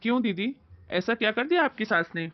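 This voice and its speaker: A woman putting on a man's voice as a calm, caring young husband in a family drama. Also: a little high, brisk, no room sound, voice pushed down, natural voice. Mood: asking. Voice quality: soothing, gentle. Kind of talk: Hindi family drama acting. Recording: dry, dull lo-fi audio.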